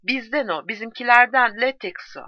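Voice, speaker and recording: A woman reading aloud, voicing a desperate, furious male soldier in the middle of a battle, shouting his lines. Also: on the high side, moderate pace, no echo, dull audio, voice pushed up, lightly acted. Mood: grieving.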